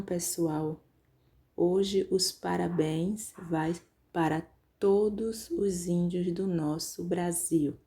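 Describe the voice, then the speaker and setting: A woman's voice: fairly low pitch, mellow. A woman teacher with a Brazilian Portuguese accent giving an online grammar lesson to young pupils, patiently spelling out syllables. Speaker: primary school teacher.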